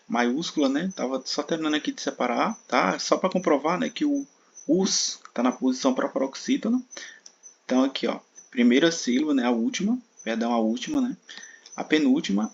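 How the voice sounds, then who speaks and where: Male teacher with a Brazilian accent, mid-pitched and gravelly, patient and explanatory; slightly muffled sound. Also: animated, brisk, a little hiss or hum. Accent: Brazilian Portuguese. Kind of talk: exam-prep video lesson. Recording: dull sound with faint crickets.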